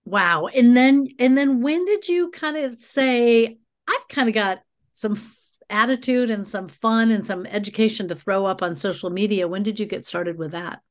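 A woman's voice: a little high, normal speed. A woman hosting a casual, conversational interview. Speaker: podcast interviewer.

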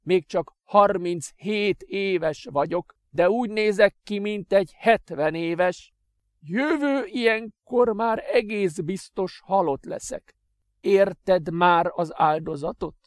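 A man voicing a bitter, scornful young master who is already dying, shouting his lines slowly and with contempt. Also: high-pitched, dry recording, studio quality, pitched above the performer's own voice, close to an everyday voice. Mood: bitter, furious.

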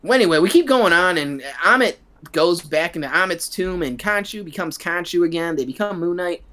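A man's voice: sits high, expressive, fairly quick, sharp tone. A man co-hosting a casual podcast, rambling on with playful self-mockery and saying "dude" all the time. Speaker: podcast co-host giving a review.

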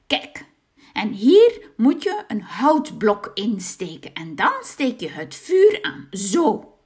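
A woman voicing a cruel old witch with bad eyes, shrill and scolding, in a children's fairy tale. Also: big pitch swings, slow pace, darkish tone, exaggerated voice. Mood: bossy.

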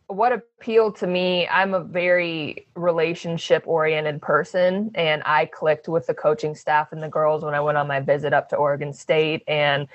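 A woman's voice: low voice, little pitch movement, normal speed, few pauses, dry recording. Young woman from Arizona, interview guest; earnest and reflective, muffled dry recording. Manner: earnest, reflective, with many fillers. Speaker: guest, basketball player. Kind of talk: casual interview answers.

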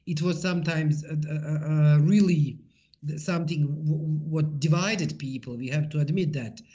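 Interviewee: middle-aged woman, Bosnian accent, hesitant delivery, mellow tone, muffled recording. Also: low voice. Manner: halting, hesitant, searching for words. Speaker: interviewee, interfaith peace-building activist. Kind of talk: personal interview account.

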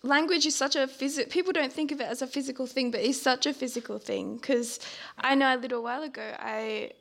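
A high-pitched woman with a gravelly edge of vocal fry chats casually. She is curious and talkative and laughs often. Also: brisk, fairly bright tone. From Australia. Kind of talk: casual chat.

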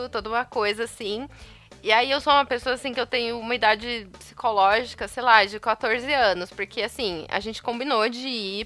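A young Brazilian woman, telling a story in casual chat, animated, laughing often and acting out the dialogue. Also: fairly high pitch.

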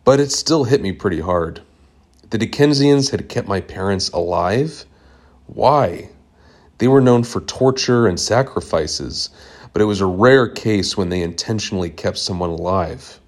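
A man hosting a podcast, reading a scripted comic story in a deadpan, earnest way from a home basement. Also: on the low side, a little slow. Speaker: podcast host. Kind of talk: scripted comedic narration.

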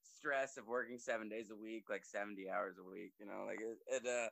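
A man's voice: lowish voice, fairly even intonation, a little fast, gravelly, a bit bright, no room sound. A young man telling long, rambling stories in casual chat, full of fillers and acted-out quotes.

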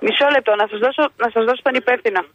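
Hesitant employee, high voice, dry dull phone line, passing on answers. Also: male voice, steady tone, dry recording. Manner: hesitant, relaying what others say. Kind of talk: phone call.

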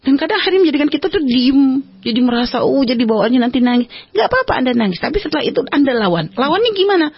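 A woman, a religious teacher, giving marriage advice in an animated way and acting out quoted speech. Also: very fast, husky, no echo, dull audio. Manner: animated, acts out quoted speech with big pitch jumps.

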